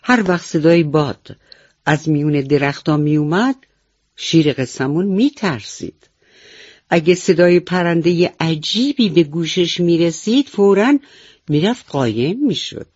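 A woman storyteller narrating a bedtime story for children on the radio, gentle and affectionate. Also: sits low, animated, no echo, lo-fi sound. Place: radio studio.

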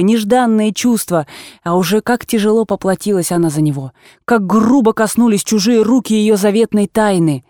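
A woman reading a classic novel as an audiobook narrator, in a measured, expressive way. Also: mid-range voice, no room sound, studio quality.

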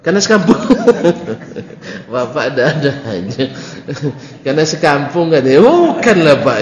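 A male preacher with a Malay accent leads a sermon-style study lecture, animated, with teasing asides and sudden high leaps on key words. His voice rings through a large echoey hall with a long tail. The recording sounds dull and muffled. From Malay region of Indonesia. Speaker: preacher teaching a classical text.

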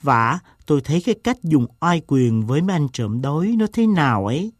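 A man reading a story aloud, voicing an eccentric, self-mocking gentleman who tells a long tale in a slow, deliberate way. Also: a little high, sing-song, no room sound, clean studio sound. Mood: wry.

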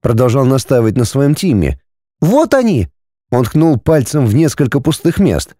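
Mellow-voiced male audiobook narrator. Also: mid-range voice, animated, moderate pace, no room sound, studio quality. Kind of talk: scripted narration.

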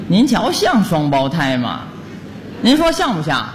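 A man's voice: fairly high pitch, huge pitch swings, a little slow, noisy background. A man with a Beijing accent performing stage crosstalk comedy, boastful and teasing, breaking into chanted rhymes. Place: large hall on stage. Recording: live stage in a reverberant hall.

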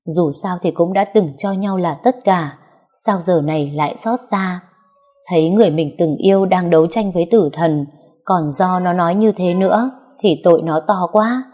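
Low, mellow woman narrating a story. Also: moderate pace. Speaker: audiobook narrator.

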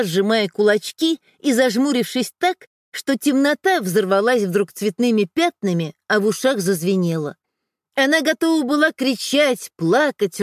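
Brief: woman narrator, higher lively voice, emotive audiobook reading, dry close sound. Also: no room sound.

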